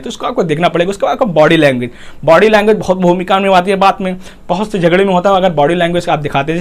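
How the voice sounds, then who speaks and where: A man, a motivational speaker, giving a talk on marriage that he lays out in numbered points with everyday examples, sometimes lifting into emphatic rhyming lines. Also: sits high.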